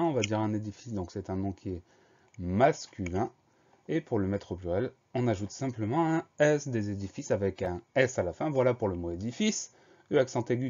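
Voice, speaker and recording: Calm man spelling words out slowly. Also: fairly low pitch, highs cut off. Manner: slow, careful, spells words out letter by letter. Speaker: primary school teacher. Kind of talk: spelling lesson for children.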